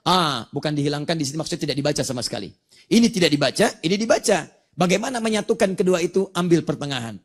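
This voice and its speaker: A preacher with a slightly high, husky male voice delivers an Islamic religious lecture. He explains points of law, poses rhetorical questions, and recites verses in Arabic.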